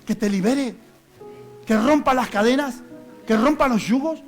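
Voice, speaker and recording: A male pastor giving an impassioned sermon, rising to loud cries and dropping to hushed pleading. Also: extremely high pitch, unhurried, soft background music.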